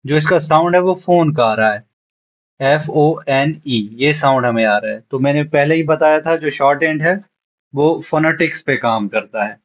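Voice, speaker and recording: A shorthand teacher with a somewhat high voice gives a beginners' classroom lesson at a moderate pace, and the recording's highs are cut off. He spells words out letter by letter and patiently repeats them.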